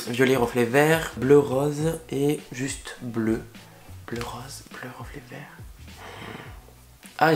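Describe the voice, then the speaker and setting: A young man chatting through a makeup tutorial at home, gushing excitedly over the products with casual slang. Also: medium pitch. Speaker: makeup vlogger. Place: indoor room at home, facing a window. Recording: roomy echo.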